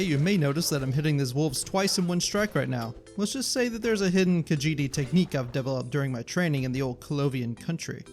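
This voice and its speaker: A man narrating his gameplay in a scripted commentary, with wry, joking asides. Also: fairly high pitch. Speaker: gaming YouTuber.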